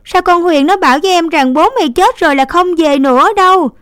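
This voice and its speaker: A woman's voice: brisk, no room sound, clean studio sound. A woman voicing a stubborn, pouting little girl in a story. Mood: troubled. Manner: pouting, high-pitched and loud.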